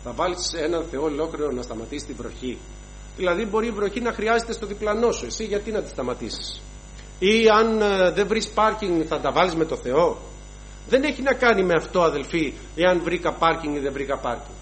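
High-voiced preacher giving an emphatic sermon. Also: male voice, expressive, a little hiss or hum, low-quality recording. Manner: emphatic, lists sins in rhythmic runs, addresses congregation as brothers.

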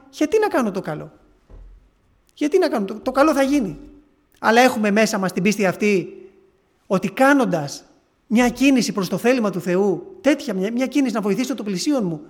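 A man with a high voice preaches, relating an encounter in an earnest, halting manner. He restarts phrases often as he tells the story. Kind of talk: sermon testimony.

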